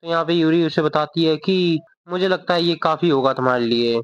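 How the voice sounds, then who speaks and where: A man's voice: on the high side, steady tone, brisk, clear, resonant tone, dry recording. A man narrating a manga recap in a conversational, scene-by-scene way, in a dull lo-fi recording. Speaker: manga explainer. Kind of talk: casual story recap narration. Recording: dull lo-fi dry voice.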